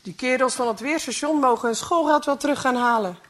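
A woman's voice: high-pitched, brisk, a bit bright. Grumpy cynical male mechanic in a storybook reading, read by a woman; scornful grumbling.

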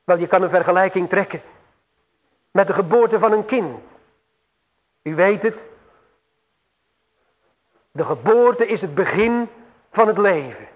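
Male preacher, unhurried and solemn, echoing church-hall reverb. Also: high voice, expressive. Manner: slow, solemn preaching with emphatic swells and long pauses. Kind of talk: sermon. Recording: tinny phone-like radio broadcast with long hall reverb.

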